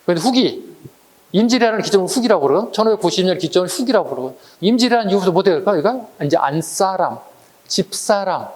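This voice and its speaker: A middle-aged man teaching a history exam-prep class online, lively and blunt, firing rhetorical questions at his students. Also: high voice, quick pace. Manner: acts out quarrels in slangy voices. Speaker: history lecturer.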